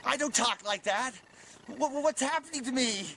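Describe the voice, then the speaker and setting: A man's voice: very high-pitched, moderate pace, creaky, a bit bright, a little hiss or hum. A man delivering a comic confessional monologue, stammering and repeating words in frantic, self-mocking bursts.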